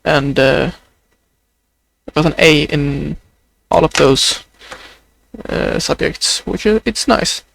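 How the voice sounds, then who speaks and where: Speaking in a slightly high, creaky, fairly bright voice, a young Swedish-accented man records an unscripted video diary. He's slow and hesitant with many fillers, and his voice is often said to sound like he's about to cry.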